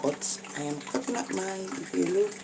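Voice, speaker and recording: This cooking vlogger, a tired Jamaican woman, has a mid-range voice with lively intonation and speaks at normal speed while narrating a casual video in her small kitchen. She's hesitant, with many fillers and restarts. Kitchen noise comes through the phone audio, recorded from a phone held above her.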